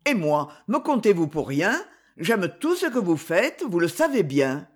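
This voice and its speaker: A woman reading a storybook voices an earnest, proud gentleman suitor, speaking tenderly in her own voice. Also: lowish voice, big pitch swings, a little slow, breathy edge, exaggerated voice.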